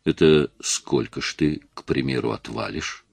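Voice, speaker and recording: A man's voice: extremely low pitch, big pitch swings, measured pace, no room sound, heavily acted. A man voicing a stern young man who speaks curtly and mockingly.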